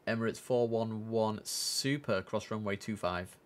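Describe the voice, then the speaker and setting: At a measured pace and with a voice on the low side, a young man mutters easygoing gaming commentary to himself, then moves into clipped air traffic controller phrases. He records from a home streaming setup indoors, in a noisy room with clicking keys.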